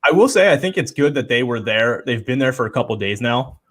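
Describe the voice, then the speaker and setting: A man's voice: mid-range voice, lively intonation, brisk. A young man co-hosting a casual sports chat show, rambling and opinionated with lots of fillers. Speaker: podcast co-host.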